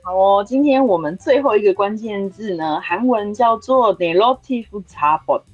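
A woman's voice: medium pitch, a little fast, dull audio, soft background music. A woman language teacher explaining a word casually, often checking in with her listeners. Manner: explains words with repeated "you know?" checks. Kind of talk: casual lesson.

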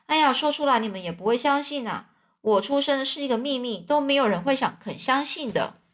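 A theatrical young man who sighs over his lost fortune and plays the tragic hero, acted by a woman reading a storybook aloud. The voice leans somewhat high with sweeping emotional delivery. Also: expressive, brisk. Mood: self-pitying. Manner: sighing, mournful, theatrical. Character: self-pitying young male drifter, melodramatic.

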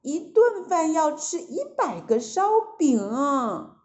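A woman's voice: high-pitched, very animated, takes it slowly, voice pushed up, full character voice. A woman voicing a monkey king disguised as a young girl, speaking in a sighing, plaintive way. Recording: echoey, dull lo-fi recording.

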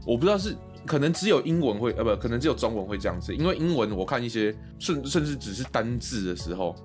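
A man's voice: mid-range voice, sing-song, fast talker, soft background music. A man co-hosting a podcast, rambling and hesitant in casual chat, with the odd swear word. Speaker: podcast co-host.

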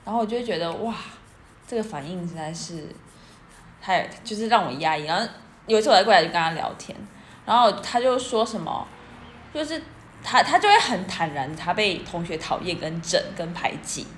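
A woman's voice: lowish voice, lively intonation, brisk, slight background noise. A woman with a Taiwanese Mandarin accent, telling anecdotes as a podcast co-host in casual chat and acting out the quotes. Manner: chatty storyteller, acts out quotes.

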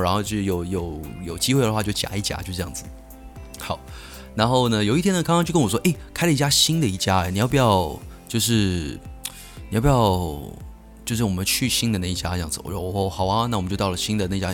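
A young man from Taiwan, hosting a podcast and telling a story in an animated way, full of restarts and self-answered asides. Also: on the low side, fast talker, soft background music. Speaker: podcast host.

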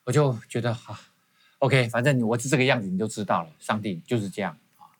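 Male guest, rapid-fire talker, animated testimony with restarts. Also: medium pitch, slightly rough. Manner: animated storytelling, frequent restarts. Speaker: guest professor. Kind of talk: personal testimony in interview.

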